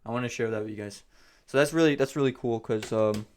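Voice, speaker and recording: Man, vlog host, casual talk to camera, rambling, repetitive, clear resonant voice. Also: mid-range voice, fast talker, darkish tone. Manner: rambling, repeats himself. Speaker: host of a business channel.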